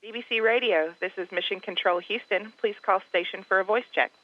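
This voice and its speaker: A woman speaks as a mission control communicator, her crisp, procedural calls coming through a narrow radio link. The sound is thin and slightly muffled, with no room around it. Her voice sits at a middling pitch. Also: fairly quick, dry recording.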